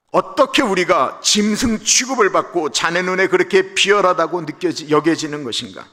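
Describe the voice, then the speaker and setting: A pastor putting on scornful Bildad, scolding loudly. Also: male voice, high-pitched, pitched above the performer's own voice. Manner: scolding, raised and mocking. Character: scornful, accusing ancient male friend of Job. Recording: echoey church sanctuary livestream.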